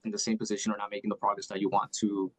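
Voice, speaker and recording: Young man, sales closer, fast talk, lowish voice, probing questions. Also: completely flat delivery, darkish tone, no echo, low-quality recording. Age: young adult. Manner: probing, repeats phrases, many fillers. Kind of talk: sales call.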